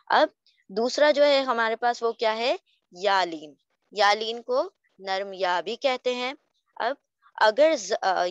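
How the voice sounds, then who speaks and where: A woman explains Quran recitation rules in a calm, patient teaching voice. She keeps stopping to check that her listeners understand. The recording is dry and a little dull. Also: mid-range voice, no room sound. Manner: patient, often checks "okay?". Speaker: tajweed teacher.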